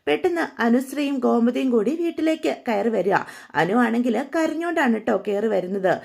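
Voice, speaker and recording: A woman with a fairly high voice hosts a relaxed recap of a TV serial episode. She talks in a chatty, friendly way, dropping colloquial fillers as she retells the story. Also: brisk, vocal fry.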